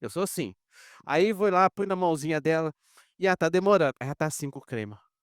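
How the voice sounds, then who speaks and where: A man's voice: fairly high pitch, animated, fast, smooth, no room sound, studio quality. Brazilian man preaching a sermon. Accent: Brazilian Portuguese. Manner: conversational preaching, addresses "irmãos" often; acts out little dialogues in quoted voices. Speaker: pastor.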